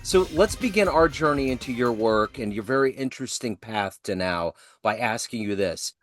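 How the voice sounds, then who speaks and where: A man hosting an interview, asking upbeat and measured questions. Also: mid-range voice, expressive, faint music behind. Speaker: podcast host.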